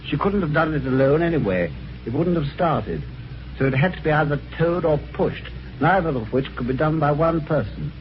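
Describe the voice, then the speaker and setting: A man's slightly high, animated, natural-sounding voice carries first-person narration in a 1950s radio mystery, speaking at normal speed. He plays a well-spoken, genteel British amateur sleuth calmly and conversationally recounting an eerie adventure. The dull old recording has music behind it.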